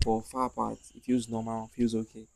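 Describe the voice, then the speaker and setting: A man's voice: on the low side, monotone, fairly quick, creaky, dry recording, low-quality recording. Rambling young Nigerian man, dry mic. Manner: rambling, repeats himself, often trails off quietly. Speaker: content creator. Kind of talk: casual talk to camera. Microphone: own handheld mic, noise reduction mode.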